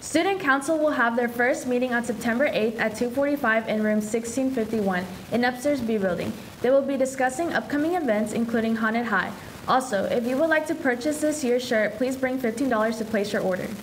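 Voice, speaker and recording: A woman's voice: on the high side, brisk, slight background noise, rough recording. Teen girl reading school news. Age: teens. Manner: reads announcements steadily. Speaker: student news anchor. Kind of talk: scripted school announcements. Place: school TV studio.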